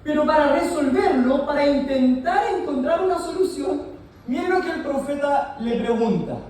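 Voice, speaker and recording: Preacher, man, mellow voice, heard from afar in a very reverberant hall; playful, calls for replies. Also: very high voice, moderate pace, far from the mic. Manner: lively, joking, asks the congregation to answer. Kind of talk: sermon. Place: large echoey church hall.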